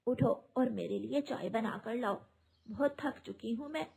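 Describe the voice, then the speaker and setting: A woman's voice: on the high side, normal speed, creaky, darkish tone, slightly rough. A woman voicing a harsh, nagging old mother-in-law bird in a cartoon, talking in a sneering, scolding way. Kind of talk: cartoon voice acting.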